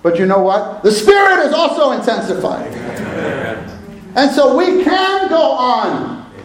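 A man preaching a sermon at a pulpit microphone, slow and emphatic, often repeating his phrases. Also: high voice. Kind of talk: sermon to a congregation. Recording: echoey hall with faint room noise.

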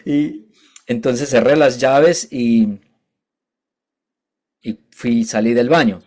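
A man preaching a sermon and telling his own testimony, speaking haltingly with frequent restarts and self-corrections, and turning to his listeners with direct asides. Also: medium pitch, darkish tone.

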